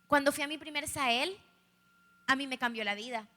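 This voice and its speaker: A woman's voice: high voice, brisk, sharp tone. A young woman with a Salvadoran accent giving a candid, humorous personal testimony that speaks directly to a live audience. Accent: Salvadoran Spanish. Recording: echoey hall, live stream.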